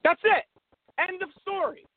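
A man's voice: very high-pitched, moderate pace, no room sound. A man on the phone giving crude advice to a friend, profane and mock-tough, acting out the lines he suggests. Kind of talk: casual phone chat. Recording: tinny phone line.

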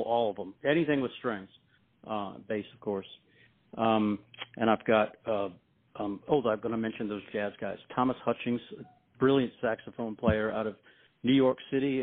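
A man talking casually as a musician guest in an interview, with a folksy, self-deprecating manner. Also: on the low side. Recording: thin, phone-like line.

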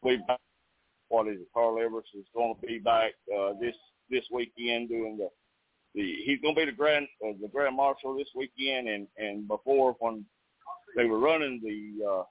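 This man, a race fan from the Nashville area in the US, chats by phone in a folksy, easygoing manner from an outdoor campground pool beside a racetrack. His voice is medium-pitched with fairly even intonation at normal speed. The narrowband phone recording is dry, with no room sound.

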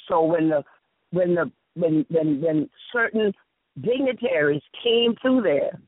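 Over narrow, tinny audio resembling a phone call with no room sound, a woman from the South Carolina Sea Islands tells animated stories in a Lowcountry Gullah Southern American accent. As an interview guest she speaks emphatically, repeating phrases and acting out dialogue.

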